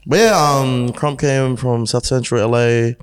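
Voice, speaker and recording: A man in casual, animated conversation, talking like a dancer guest on a podcast, with plenty of slang. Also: medium pitch, measured pace, clean tone. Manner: animated, slangy, says bro often. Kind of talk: casual chat.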